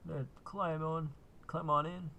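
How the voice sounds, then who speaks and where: A man's voice: on the high side, fairly even intonation, slow pace, sharp tone, a little hiss or hum. A man giving a laid-back, casual gameplay walkthrough, full of uh and kinda. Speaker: gaming video host.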